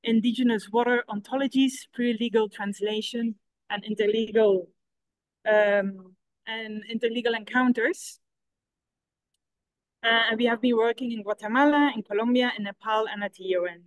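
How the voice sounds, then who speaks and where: A middle-aged woman from Belgium speaks over a video call, explaining her research project in a measured, explanatory way. Her voice sits a little high for a woman and sounds close and dry, with no room around it. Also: no echo, poor audio. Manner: measured, explanatory, some restarts.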